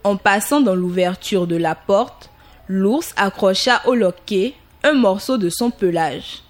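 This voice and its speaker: A woman narrating a fairy tale aloud in a calm, deliberate storybook reading. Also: mid-range voice, soft background music.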